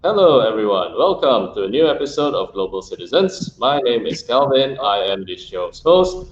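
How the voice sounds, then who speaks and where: A man's voice: mid-range voice, sing-song, normal speed, roomy sound, muffled recording, a little hiss or hum. A man from Indonesia who hosts and introduces a live-stream interview show. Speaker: host.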